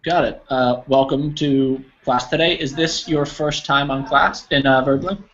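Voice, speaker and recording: An American man from New Jersey teaches a live online group English pronunciation class, using simple wording and checking in with his learners. His mid-range voice is fairly even, a little slow, and fairly bright. He sits close to the computer on a video call, with dull lo-fi sound and clear noise.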